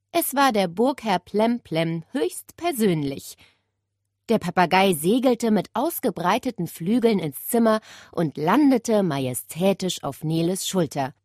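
A woman narrating a children's audiobook with expressive, animated storytelling. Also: on the low side, measured pace, no room sound, clean studio sound.

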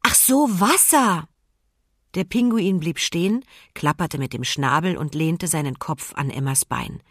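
Woman reading a kids story, low and a bit husky, really dry close sound. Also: normal speed, dry recording. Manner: calm, expressive storytelling. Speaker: narrator. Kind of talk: children's audiobook reading.

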